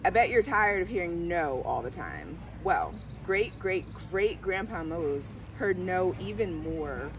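A middle-aged school diversity director sits on a garden bench under trees, reading a picture book aloud in a storytelling style. Her lowish voice is sing-song, measured in pace, with hardly any pauses. A camera a few steps away catches her along with outdoor background noise.

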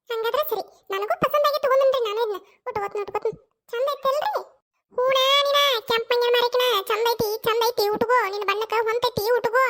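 A woman's voice: very high voice, a bit bright. A woman voicing a soothing, meddling middle-aged neighbor in a cartoon, with a North Karnataka accent and a coaxing, motherly manner. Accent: North Karnataka Kannada.

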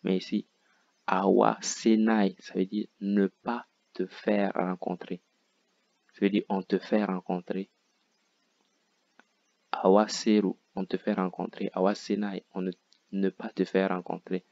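Man, deep gravelly voice, flat slow delivery, repeats words, dull dry recording. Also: dry recording. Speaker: Japanese teacher. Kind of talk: explaining game dialogue line by line.

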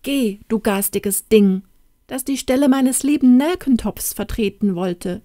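Little girl a bit sulky, read by a woman, slow soft storybook voice. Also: fairly high pitch, animated, dry recording, clean studio sound, voice pushed up. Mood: cross. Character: young girl, sad and briefly cross.

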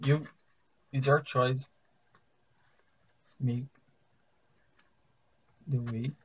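A young man with a Brazilian Portuguese accent, a native Portuguese speaker, explains a simple circuit step by step in careful, halting English at a wooden table indoors. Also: medium pitch, steady tone, breathy edge, poor audio. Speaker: science fair project demonstrator.

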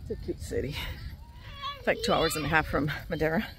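A woman's voice: sits low, lively intonation, fast talker. An older woman vlogging on a walk through a park, chatting casually, slightly out of breath, and talking to her dog in baby talk. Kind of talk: casual walking vlog. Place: outdoors in a park, walking. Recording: outdoor phone audio with background noise.

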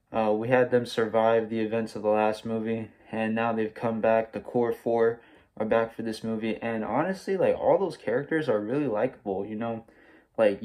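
A man's voice: on the low side, a little mellow. A young American man casually reviews a movie in an enthusiastic, slangy way, speaking through a face mask. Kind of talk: casual spoiler-free video review. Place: small room at home, indoors.

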